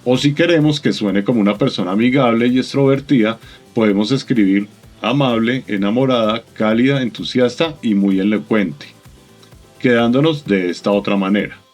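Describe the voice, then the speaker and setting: A man narrating a software tutorial in a calm, methodical, instructive voice-over. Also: mid-range voice, moderate pace, faint music behind.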